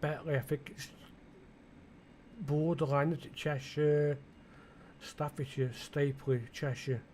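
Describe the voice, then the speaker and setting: British male gaming creator, slightly raised pitch, loose meandering commentary full of self-questions. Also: little pitch movement, takes it slowly, darkish tone, a little hiss or hum. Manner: musing aloud, asking himself questions, many restarts. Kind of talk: rambling flight-sim commentary.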